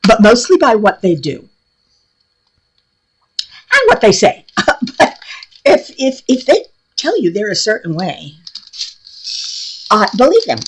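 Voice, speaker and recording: In her home craft room, a middle-aged craft vlogger from New York rambles bluntly and casually in a New York accent, laughing often. Her voice sits mid-range, and the recording carries a little hiss or hum.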